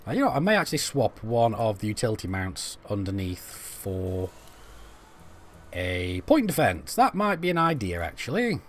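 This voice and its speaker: Lowish and sing-song, this young British man's voice carries a little hiss or hum at a moderate pace. He's casually commentating a game stream live, rambling, joking at his own expense, and talking to viewers as he fiddles with menus.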